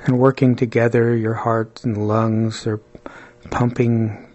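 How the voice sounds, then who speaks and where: A man guides a body-scan meditation in a calm, soothing way. His mid-pitched voice stays very even and flat, and he leaves long pauses between short phrases. A light hum of noise runs behind him. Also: muffled recording.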